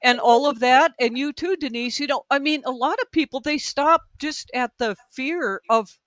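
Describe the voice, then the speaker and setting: A woman hosting a casual podcast chat, telling her story in an animated, rambling way. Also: high voice, normal speed, dry recording. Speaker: podcast host.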